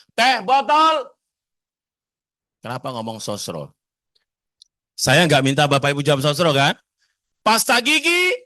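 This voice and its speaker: Animated man. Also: mid-range voice, no room sound. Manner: animated, asks the audience questions. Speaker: parenting seminar speaker. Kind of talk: lively seminar talk to parents.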